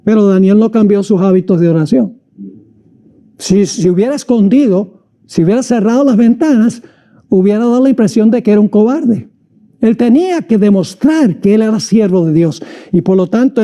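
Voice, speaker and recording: High, bright-voiced male pastor preaching. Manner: slows and stretches words when reading quoted lines aloud. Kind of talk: sermon reading scripture.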